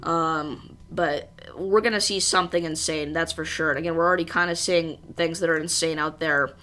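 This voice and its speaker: Low-pitched woman doing live storm commentary. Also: fairly even intonation, normal speed, sharp tone. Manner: informal, thinking aloud. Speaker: storm livestream host.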